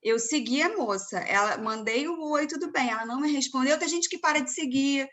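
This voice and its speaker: Chatty high-voiced Brazilian woman host. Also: brisk, a bit bright. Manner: chatty, many fillers like "né". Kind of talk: casual live chat.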